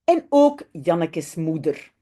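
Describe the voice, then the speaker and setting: A woman voicing a kindly aunt who puts two small children to bed, in a gently bossy, sing-song manner. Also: fairly low pitch, very animated, takes it slowly, voice pushed down. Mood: fond, bossy.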